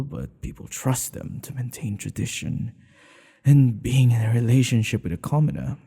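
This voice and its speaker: This ASMR boyfriend roleplay features a man as a lovestruck older king, teasing and regal, speaking in courtly phrases with a breathy voice that keeps dipping toward a whisper. His mid-range voice is mellow and heavily acted.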